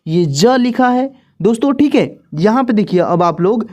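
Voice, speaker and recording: A woman's voice: mid-range voice, animated, normal speed, a little mellow, lo-fi sound. A woman teaching a beginner reading lesson, patiently naming each letter and repeating it for her viewers.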